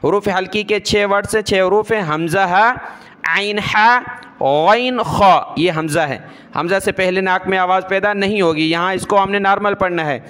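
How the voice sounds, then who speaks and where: A man teaching Quran recitation, spelling out each syllable patiently and slowly drawing out the recited words. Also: high-pitched, fairly even intonation, fairly bright tone, clean tone.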